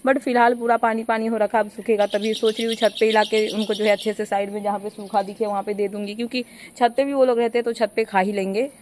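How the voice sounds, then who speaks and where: A woman's voice: mid-range voice, flat delivery, fast talker, darkish tone, slight background noise. A woman chatting casually to her viewers in a daily vlog, calling them guys, from a rooftop in the rain. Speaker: vlogger.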